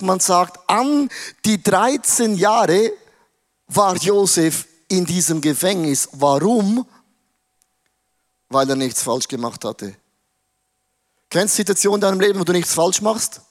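A man preaching casually, retelling a story dramatically with slang. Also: high-pitched. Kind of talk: sermon storytelling.

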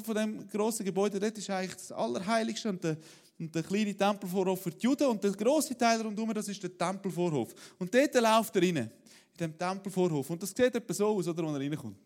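A man preaching a sermon in a lively, conversational way, often asking "oder?". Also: sits high, a little fast. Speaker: pastor.

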